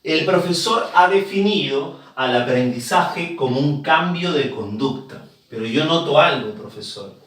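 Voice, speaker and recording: A man's voice: a little high, expressive, measured pace, few pauses, a bit bright, a little hiss or hum. A curious young male student, earnest and puzzled, as a teacher puts him on. He sounds far from the mic in a very echoey room.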